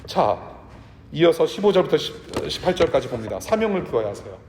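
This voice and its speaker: A man preaching a sermon to his congregation in a church, talking in a conversational way and sometimes dropping to a hush. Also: fairly high pitch, lively intonation, brisk, a little hiss or hum. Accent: Korean with English words mixed in. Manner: conversational preaching, drops to a hush for tender lines. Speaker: pastor. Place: church sanctuary. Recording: echoey church hall.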